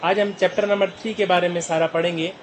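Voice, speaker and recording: High-voiced Pakistani man teaching vocabulary. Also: steady tone, slight background noise, low-quality recording. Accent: Pakistani Urdu. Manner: spells words out slowly syllable by syllable. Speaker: Korean language teacher. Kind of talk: vocabulary lesson.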